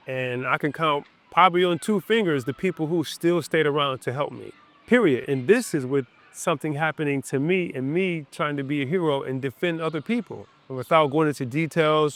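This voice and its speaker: A man's voice: fairly high pitch, fairly bright tone. A man giving a reflective motivational talk to camera outdoors in a park. He speaks earnestly in short phrases and comes back to his key points. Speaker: business coach.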